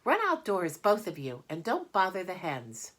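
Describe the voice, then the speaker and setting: A woman voicing a brisk, stern farm aunt in a storybook, commanding and no-nonsense. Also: on the low side, huge pitch swings, a bit bright, pitched above the performer's own voice, full character voice.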